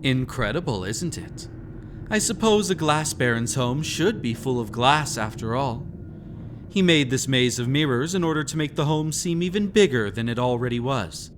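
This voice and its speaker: Lightly acted and set against background noise, this roleplay has a man as the mysterious, secretly sinister keeper of a haunted glass-filled estate. His mid-pitched, very expressive voice teases as he spins a long tale with slow dramatic pauses, sounding mysterious and inviting toward the listener.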